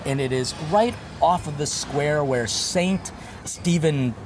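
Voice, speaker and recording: A man from the United States, a priest hosting a casual food and travel interview at an outdoor restaurant, talking in a lively, jokey way. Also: fairly high pitch, slow, background noise. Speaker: host and priest.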